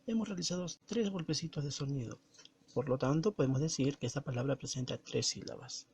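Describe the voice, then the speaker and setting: A male teacher giving a slow, didactic recorded lesson, stressing words and syllables as he explains them. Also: medium pitch, darkish tone, slight background noise.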